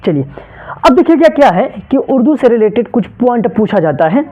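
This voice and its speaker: A woman's voice: on the high side, very animated, a little fast. A woman teacher giving an exam-prep lecture, repeatedly asking and answering her own questions. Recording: dull lo-fi recording.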